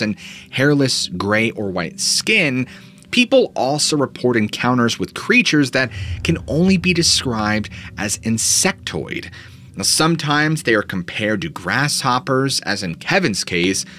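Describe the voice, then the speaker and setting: This man in his thirties tells scripted paranormal tales as a host, his mid-range voice a bit bright and his delivery dramatic with sweeping rises and dips. He records in a small home studio on a studio mic set in front of him.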